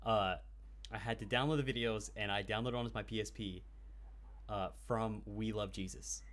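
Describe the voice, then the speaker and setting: A man's voice: lowish voice, fairly even intonation, normal speed, a bit bright. A young man casually telling a long anecdote on a podcast, full of fillers and swearing. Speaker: podcast co-host telling a story. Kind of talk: casual storytelling chat.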